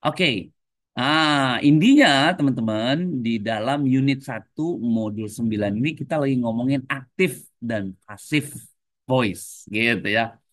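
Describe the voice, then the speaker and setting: A man's voice: medium pitch, slow pace, fairly bright tone, dry recording. Dry-sounding man teaching an online class. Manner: explains in mixed English and Indonesian, tags phrases with "ya"; repeatedly addresses the class as friends. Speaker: English teacher.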